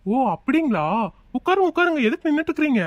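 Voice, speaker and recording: Comedy skit: performer doing an exasperated, scolding husband, mid pitch, dry close mic. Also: sing-song, quick pace, no room sound, highs cut off. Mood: polite.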